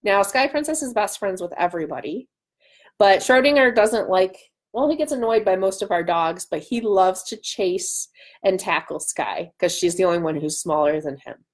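With lively intonation, a moderate pace and a mid-range voice, a woman in her thirties chats casually and playfully. She's an author hosting a livestream indoors from a small room at home, captured by a webcam at arm's length.

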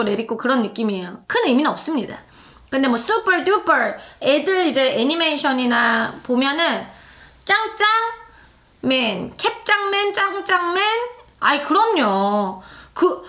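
A woman running a live English lesson for mothers, drilling words slowly and chatting playfully in between. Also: high voice, a bit bright, a little hiss or hum. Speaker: English teacher for moms.

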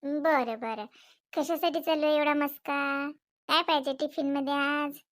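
A woman's voice: sits high, fairly even intonation, measured pace, a bit bright. A woman voicing a busy middle-aged mother in a cartoon, fussing over breakfast. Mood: teasing. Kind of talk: cartoon voice acting.

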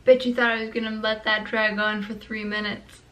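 Eating ice cream as she talks, this young woman vlogger chats away to the camera in her small bedroom, her voice crackly. She speaks fairly quickly at a medium pitch, with a flat delivery and a pushed, bright quality.

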